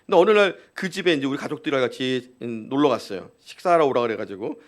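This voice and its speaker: A man's voice: mid-range voice, expressive, fast talker. A male pastor preaching a live Sunday sermon. He tells a story, acts out quotes and keeps asking the congregation rhetorical questions. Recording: live church service.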